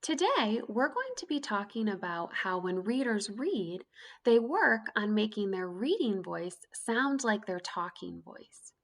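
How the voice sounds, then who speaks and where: A woman teacher giving a reading lesson to young children, speaking slowly and clearly in an encouraging way. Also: medium pitch, very animated.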